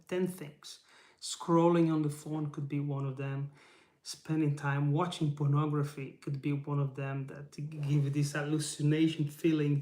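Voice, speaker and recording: The voice is a man's, fairly high yet darkish in tone, echoing around the room through a camera mic. He's a Portuguese-speaking YouTube host giving an informal live motivational talk in English to camera. Earnest and encouraging, he asks rhetorical questions and frequently adds "right?".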